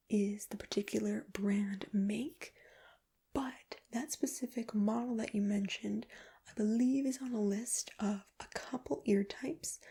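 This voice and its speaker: Whispering woman in a soft ASMR whispered role-play. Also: medium pitch. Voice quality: breathy, whispered. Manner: gentle, reassuring personal attention. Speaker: ASMR performer playing an ear examiner.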